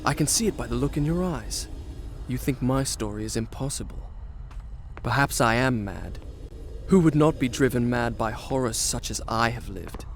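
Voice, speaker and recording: A man's voice: medium pitch, expressive, moderate pace, slight background noise, close to an everyday voice. An actor playing a young, proud, remorseful Persian prince who tells his story in a formal, theatrical way, as dramatic video game narration. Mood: intense, wounded. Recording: music behind the voice.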